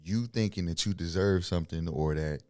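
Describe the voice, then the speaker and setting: Deep-voiced blunt preachy man. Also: moderate pace, dark tone, dry recording, studio quality. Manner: blunt, preachy, tells stories, laughs often. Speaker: guest, signed music artist. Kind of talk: faith-centered interview talk.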